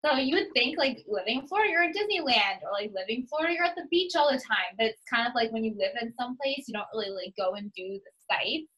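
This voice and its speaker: A woman's voice: fairly high pitch, expressive, quick pace, hardly any pauses, fairly bright tone, low-quality recording. A woman in her twenties from New England, chatting casually as an interview guest and filling her speech with "like". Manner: chatty, uses "like" a lot, upbeat.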